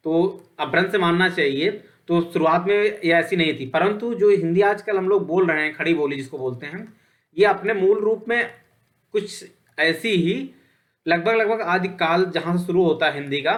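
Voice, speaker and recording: A man's voice: a little high, a bit bright. A man teaching an online lesson in a conversational way, asking questions and answering them himself, often checking in with his listeners. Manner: conversational, repeats points with "ठीक है". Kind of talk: online lecture.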